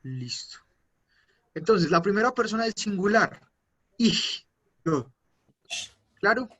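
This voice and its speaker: A man teaching an online language class, patiently repeating words slowly for his students. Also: high voice, expressive, fairly bright tone, slightly rough. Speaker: German teacher.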